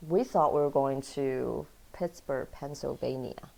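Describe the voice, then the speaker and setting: A woman with roots in Taiwan and Kansas speaks in a low voice as a guest in a casual interview, telling her story animatedly and easily, with frequent laughter. She speaks a little slowly with vocal fry, and the audio quality is poor.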